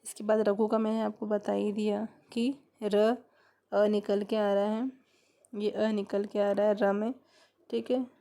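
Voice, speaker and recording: A woman's voice: mid-range voice, little pitch movement, a little slow, dark tone. A woman teaching a grammar lesson, explaining step by step and repeating questions back to her students.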